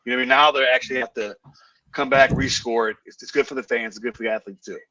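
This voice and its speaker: A man's voice: mid-range voice, fairly even intonation, fast talker, pushed and bright, no room sound. A man co-hosting a casual chat, agreeing and chiming in with short comments. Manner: agreeable, chimes in. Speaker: co-host commentator. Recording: muffled, dry, distant from the mic.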